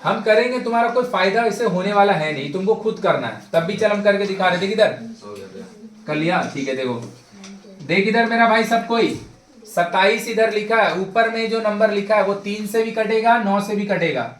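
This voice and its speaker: A young male maths teacher, briskly lecturing a class and repeating his points insistently. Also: high voice, a bit bright. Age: young adult. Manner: brisk and insistent, repeats himself, prods students. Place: classroom with a board. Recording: echoey classroom.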